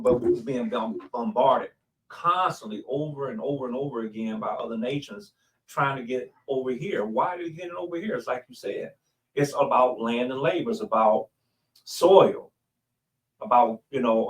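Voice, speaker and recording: A man's voice: medium pitch, recorded from a distance, rough recording. A man, a pastor, explaining in a studio interview and asking rhetorical questions.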